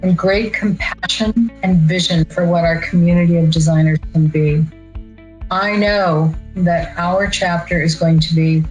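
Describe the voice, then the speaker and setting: A woman presenting at an awards ceremony, giving a formal introduction of the next chapter president with measured, deliberate phrasing. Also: on the low side, darkish tone, rough recording.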